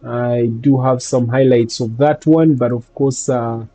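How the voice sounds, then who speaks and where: A man hosting a fantasy basketball video, recapping games and stats in a halting casual way with many fillers. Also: mid-range voice, fairly even intonation, mellow, no echo, rough recording. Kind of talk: casual recap over game highlights.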